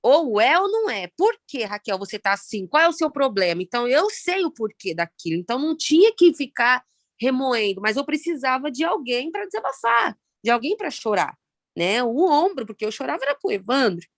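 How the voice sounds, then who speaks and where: A Brazilian woman in her thirties with a Brazilian Portuguese accent, telling her own story of loss in a halting, reflective way with many pauses and fillers. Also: high-pitched, very animated, no room sound. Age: 30s. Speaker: guest sharing personal story. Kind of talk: emotional personal testimony.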